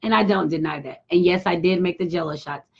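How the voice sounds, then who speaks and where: A middle-aged woman, hosting a live talk show and telling a frank, profane story with lively quoted voices. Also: fairly low pitch, brisk, vocal fry, husky. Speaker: show host. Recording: dull lo-fi sound.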